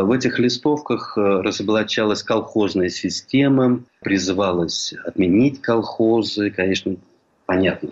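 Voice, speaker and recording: An older man from St. Petersburg telling a measured, reflective memoir as a historian recalling a colleague. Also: low-pitched, husky. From Russia, St. Petersburg. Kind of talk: memoir lecture. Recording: dull lo-fi recording.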